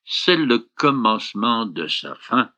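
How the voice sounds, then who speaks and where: A man reading a Bible passage aloud and stopping to explain it in a measured, explanatory way. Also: mid-range voice, big pitch swings, sharp tone. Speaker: Bible reader and commentator. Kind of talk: reading scripture with commentary.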